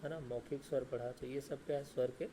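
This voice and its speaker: Male teacher, mid-pitched, monotone delivery, quizzes and answers himself, stretches sounds to demonstrate, faint background noise. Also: fairly quick. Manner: asks questions and answers them himself; repeats "ठीक है" and "है ना" often. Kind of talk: Hindi grammar lesson.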